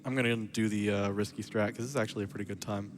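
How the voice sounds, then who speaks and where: A man's voice: lowish voice, steady tone, rapid-fire, background noise. A man commentates live on his own video game speedrun. He is chatty and casual, explaining things as he plays and slipping in playful asides. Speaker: speedrunner narrating own run.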